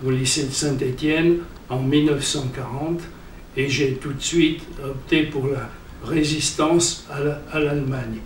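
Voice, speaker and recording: An elderly man from France giving plain, unhurried documentary testimony, heard in an echoey hall from afar. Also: mid-range voice, fairly even intonation, recorded from a distance, a little hiss or hum. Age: older. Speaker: former resistance member giving testimony.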